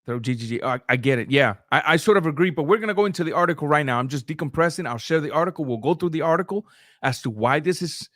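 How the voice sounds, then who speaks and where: Quick and expressive, this middle-aged boxing host, a native Spanish speaker, reads super chats on a live stream in loose conversation full of fillers and restarts. His voice is on the high side with a fairly bright tone. The sound is clean studio audio with no echo.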